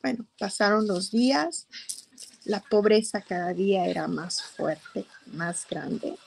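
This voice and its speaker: Slow, gravelly-voiced woman telling her story. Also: mid-range voice, darkish tone, a little hiss or hum. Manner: slow, emotional storytelling with hesitations. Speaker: interviewee. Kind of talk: personal testimony.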